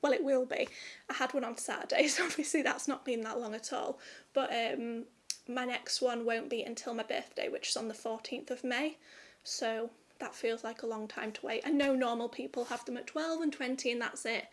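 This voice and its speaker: Chatty high-voiced woman vlogger. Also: steady tone, normal speed. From United Kingdom. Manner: chatty, candid, rambling with fillers. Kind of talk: casual chat to camera.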